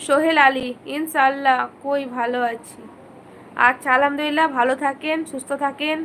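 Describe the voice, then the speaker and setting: A woman's voice: sits high, steady tone, brisk, fairly bright tone, slight background noise, low-quality recording. A woman hosting a casual live stream, reading viewers' comments aloud, greeting them by name, pleading for subscribers and likes and firmly scolding rude ones.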